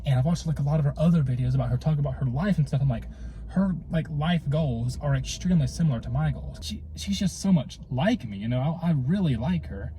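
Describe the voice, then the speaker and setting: A man's voice: a little high, lively intonation, fast, warm tone. Rambling young man telling a love story. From North Carolina. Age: young adult. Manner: rambling, lots of likes and restarts. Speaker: vlogger telling a couple's story. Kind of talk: casual storytelling. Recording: noisy background.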